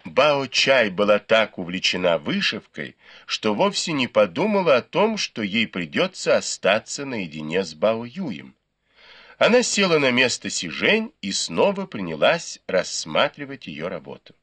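A man narrating an audiobook in a measured, expressive storytelling manner. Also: fairly low pitch, husky.

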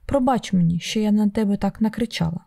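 A woman's voice: medium pitch, fast, creaky, mellow, no echo, studio quality. A woman reading a frazzled young mother. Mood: soothing. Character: tired young mother, frazzled but tender.

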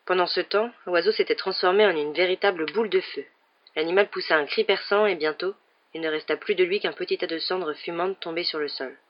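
A man reading a children's fantasy novel aloud as scripted narration, lifting his voice for the characters' lines. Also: fairly quick. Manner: reads all the characters with raised pitch for quoted lines. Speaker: audiobook reader. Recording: dull lo-fi recording.

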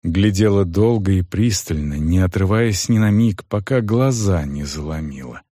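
A man's voice: sits low, no room sound. Man narrating an audiobook, dry close sound. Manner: measured, expressive storytelling.

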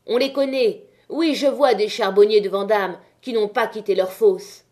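A woman's voice: mid-range voice, normal speed, natural voice. A woman voicing a fiery male strike leader. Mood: rousing. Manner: rousing, forceful speech to a crowd. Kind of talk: audiobook reading.

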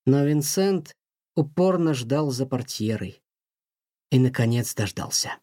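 A man calmly narrating a magical children's story. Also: medium pitch, dry recording, clean studio sound. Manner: calm, measured storytelling. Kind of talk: scripted narration of a children's tale.

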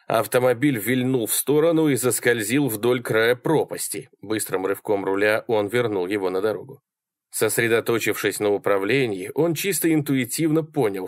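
A man reading a horror story aloud as an audiobook narrator, in an expressive, dramatic way. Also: fairly low pitch, no room sound, clean studio sound.

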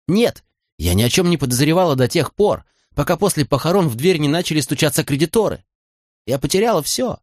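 A man's voice: a little high, dry recording, clean studio sound, pitched above the performer's own voice, close to an everyday voice. A man voicing a proud young woman who is hurt and angry, speaking in a raised, reproachful voice.

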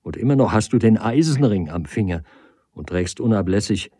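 A man's voice: lowish voice, animated, normal speed, warm tone, slightly rough, no room sound, studio quality. A man reading the part of a desperate woman who weeps, pleads and reproaches her lover. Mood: pleading. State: crying.

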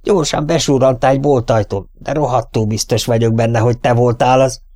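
A man's voice: mid-range voice, darkish tone, no echo, lightly acted. A man voicing a hot-tempered older brother, a vet who lectures reproachfully. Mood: scolding.

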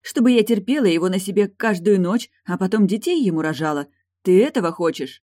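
A woman's voice: medium pitch, lively intonation, fairly quick, warm tone, voice pushed up, natural voice. A woman reading an audiobook voices a headstrong young princess in love, eager and insistent. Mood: angry.

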